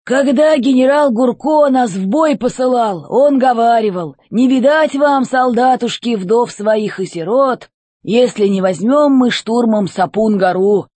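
A plodding, simple-minded robot soldier, as a woman reader puts him on, husky and slow in a storybook reading. His voice sits a little higher than a man's and the sound is dry. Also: dark tone, no echo. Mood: plodding dutiful.

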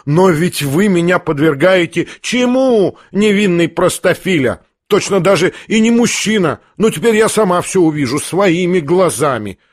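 A man reading aloud voices an imperious, hot-tempered older noblewoman who scolds in sharp exclamations. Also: high-pitched, expressive, normal speed, few pauses, no room sound, clean studio sound, voice pushed up. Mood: furious.

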